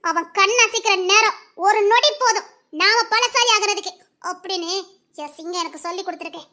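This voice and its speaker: A woman's voice: very high voice, fairly quick, pushed and bright. A woman with a Tirunelveli accent playing a devoted young heroine in a dramatic serial, speaking with heartfelt, defiant conviction. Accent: Tirunelveli Tamil. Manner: defiant, then sorrowful and pleading.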